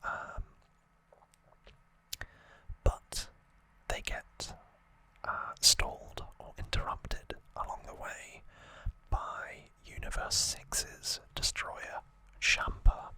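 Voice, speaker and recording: This rough recording features a man hosting ASMR, whispering softly on breath alone with a bright, sharp edge. He recaps trivia informally and haltingly, often stopping to correct himself.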